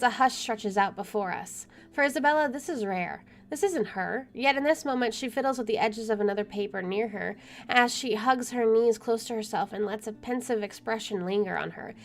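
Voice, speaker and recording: Speaking at a normal pace in a slightly high voice, this streamer reads visual novel narration out loud and drops in offhand comments. There's gentle music behind her.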